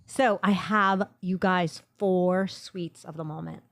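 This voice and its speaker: Speaking slowly in a fairly low, fairly even voice, a woman hosts a relaxed podcast conversation where she's blunt, swears freely, jokes and laughs often. She talks into a studio mic held off to one side, and there is no echo.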